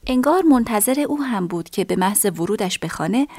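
A woman narrating a story in a soft, half-whispered reading voice. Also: mid-range voice, animated, no echo.

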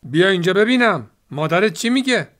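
A woman's voice: mid-range voice, expressive, natural voice. A woman reading the part of a stern, angry middle-aged father who scolds harshly. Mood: scolding.

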